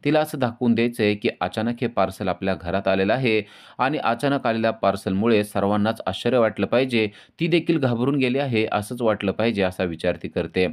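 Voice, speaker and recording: A man narrating a recap of a TV serial episode in a steady storytelling manner. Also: lowish voice, fairly quick.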